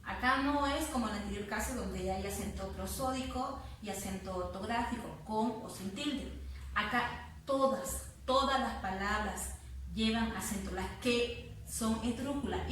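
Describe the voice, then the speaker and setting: A woman teaching a grammar lesson, explaining patiently and repeating words slowly syllable by syllable. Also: fairly high pitch, fairly bright tone, recorded from a distance. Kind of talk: spanish grammar lesson to students. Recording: very echoey room, voice off-mic with faint noise.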